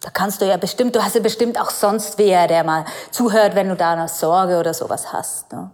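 A woman voicing a caring woman who gives gentle, coaxing advice. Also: medium pitch, moderate pace, big-room sound, natural voice.

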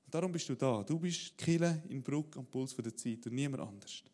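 A man preaching a sermon in a lively, conversational way, often asking "oder?". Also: medium pitch, a little fast. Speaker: pastor.

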